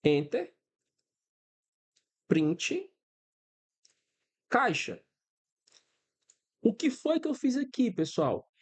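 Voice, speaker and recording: A Brazilian man in his thirties, with a Brazilian Portuguese accent, speaks in a very high, sing-song voice, very slowly and with long pauses. He's a programming instructor in a screen-recorded coding lesson, teaching step by step, checking in with students often and using everyday examples.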